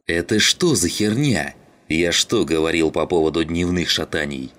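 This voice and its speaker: A man doing a gruff, bossy train driver. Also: low voice, moderate pace, a bit bright. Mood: stern. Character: gruff commanding middle-aged train driver.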